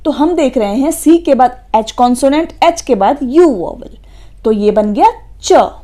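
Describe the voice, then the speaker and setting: Slow, patient woman teaching phonics. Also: high voice, lively intonation, dark tone. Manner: patient, spells words letter by letter, asks and answers her own questions. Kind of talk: kids' phonics lesson.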